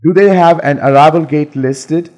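A man with a slightly raised pitch reads practice dialogue phrases in a plain, measured delivery. A long reverb hangs after his lines. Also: darkish tone. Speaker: dialogue reader in an English lesson. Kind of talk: scripted dialogue reading.

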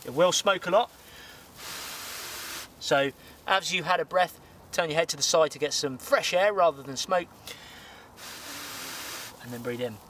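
A young man calmly explaining bushcraft fire lighting step by step while he works, recorded outdoors at a woodland camp on a nearby camera mic. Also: on the high side, a little hiss or hum. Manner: explains steps calmly while working with his hands, pauses to blow on embers. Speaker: bushcraft host. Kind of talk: instructional outdoor vlog.

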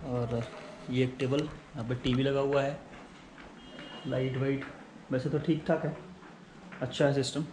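A man's voice: medium pitch, little pitch movement, measured pace, long pauses, a little mellow, a little hiss or hum, poor audio. A man in his thirties vlogging casually, chatting like a tour guide as he shows a hotel room and walks a busy mountain-town street, recorded on a handheld camera mic. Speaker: travel vlogger. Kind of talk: casual travel vlog narration.

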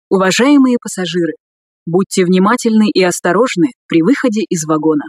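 A woman reading scripted subway announcements in a formal, measured way. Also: fairly low pitch, no echo, studio quality.

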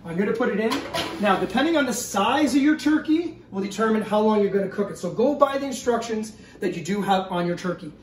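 A man's voice: sits high, lively intonation, a little fast, far from the mic, a little hiss or hum. A middle-aged man hosting a home cooking show, walking through a recipe step by step in an easygoing way and often asking "okay?" while he works in his kitchen. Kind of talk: casual cooking demonstration. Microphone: camera mic at a distance. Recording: echoey kitchen, voice from off-mic.

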